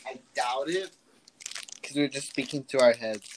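A man's voice: medium pitch, moderate pace, a little hiss or hum. A teenage man co-hosting a casual chat podcast, slangy and laid-back, swearing often. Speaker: podcast co-host.

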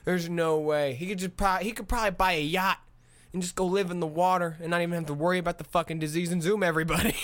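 A man's voice: on the high side, fairly bright tone, no room sound. A man in his thirties from Minnesota, hosting a podcast in a casual, profane, chuckling ramble. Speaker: podcast host.

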